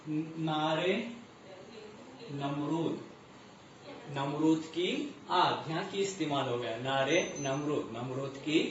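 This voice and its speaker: A man's voice: fairly high pitch, slight background noise. Man teaching grammar in an echoey room. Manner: repeats terms slowly, asks and answers his own questions. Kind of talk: grammar lesson. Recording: muffled echoey distant recording.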